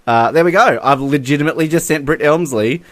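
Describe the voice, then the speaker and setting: A young man co-hosting a podcast in casual chat, animated and laughing, full of fillers. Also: fairly high pitch, fairly quick, no echo. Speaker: podcast co-host.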